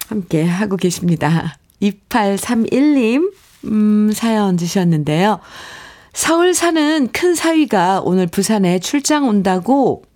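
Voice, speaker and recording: A middle-aged woman hosting a radio show, reading a poem and listeners' letters in a gentle way and laughing often. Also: mid-range voice. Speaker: radio host. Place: radio studio. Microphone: studio microphone.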